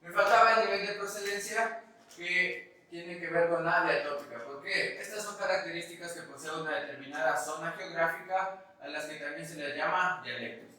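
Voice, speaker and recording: A man from the Ecuadorian highlands with a highland accent, teaching a class and checking understanding with frequent "¿sí?". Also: moderate pace, bright, forceful tone. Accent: Ecuadorian highland Spanish. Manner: explains step by step, often checking with "¿sí?". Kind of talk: recorded class lecture. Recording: echoey room, voice from a distance.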